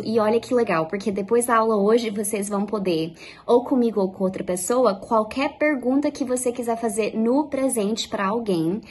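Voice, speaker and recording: A young adult woman from Brazil, a native Portuguese speaker, teaching an online English lesson in a patient, encouraging way and slipping into slow classroom English. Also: on the high side, a little mellow, slight background noise, rough recording.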